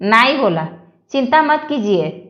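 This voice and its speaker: Slow, echoey woman telling jokes. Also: on the high side, sing-song, fairly bright tone, muffled recording. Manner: unhurried storytelling delivery. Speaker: joke narrator. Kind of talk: reading Hindi jokes aloud. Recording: roomy echo.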